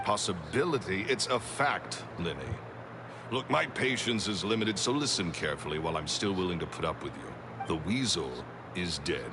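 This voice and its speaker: A man's voice: sits low, animated, normal speed. An actor playing a curt, impatient man near forty in a video game. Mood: scornful, impatient. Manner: curt, scornful, commanding. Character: gruff impatient middle-aged man, hostile. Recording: game audio with clear background noise.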